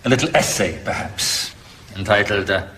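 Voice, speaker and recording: Sardonic schoolteacher in echoey room. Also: male voice, on the low side, bright, forceful tone. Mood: sarcastic. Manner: dry, sarcastic, drawn-out. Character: sardonic, strict male schoolteacher. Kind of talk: film drama acting. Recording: echoey room, faint noise.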